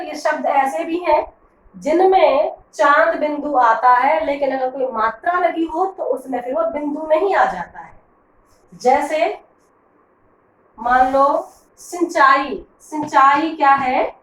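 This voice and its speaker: High-voiced woman teaching a slow lesson. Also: fairly bright tone, echoey room, recorded from a distance, slight background noise, poor audio. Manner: patient, repeats questions and answers to pupils. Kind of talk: classroom grammar lesson.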